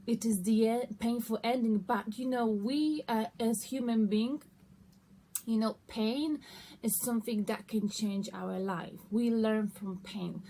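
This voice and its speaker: A woman's voice: a little high, mellow, rough recording. A woman giving a casual, conversational tarot reading, often checking in with her listeners. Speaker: tarot card reader hosting an online reading. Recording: noticeable background noise.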